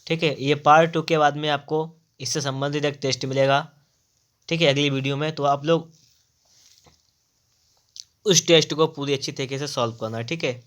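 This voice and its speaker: A man's voice: on the high side, steady tone, moderate pace, pauses often, a bit bright. A man teaching a Hindi spelling lesson for exam preparation, repeating each word and asking and answering his own questions.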